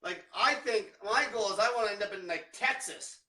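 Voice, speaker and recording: Casting: young male diet coach, blunt profane ranter, high voice, echoey room, distant mic. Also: moderate pace, pushed and bright. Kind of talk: livestream rant.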